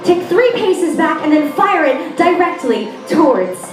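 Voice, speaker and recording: A woman's voice: extremely high pitch, very animated, unhurried. A woman performing as a stage magician with theatrical live patter to an audience. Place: large live stage venue. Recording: echoey stage, distant mic, music behind.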